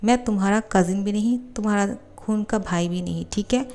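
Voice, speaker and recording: A woman's voice: medium pitch, fairly quick, dark tone, natural voice. A woman reading the part of a jealous, sulky ten-year-old boy in a fan fiction voiceover. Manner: curt, scolding.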